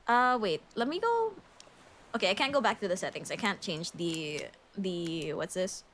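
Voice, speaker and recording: At a normal speed and with lively intonation, this young woman from the Philippines talks in a mid-range, slightly bright voice over a bit of hiss or hum. She's a streamer thinking aloud on a game livestream, casual and giggly, with a Filipino English accent.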